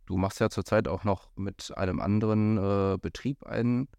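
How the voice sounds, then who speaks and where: A man's voice: fairly low pitch, steady tone, normal speed, vocal fry, darkish tone, clean tone, dry recording, clean studio sound. A man talking as a golf pro in a casual podcast chat, hesitant, with many fillers and restarts. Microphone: studio microphone.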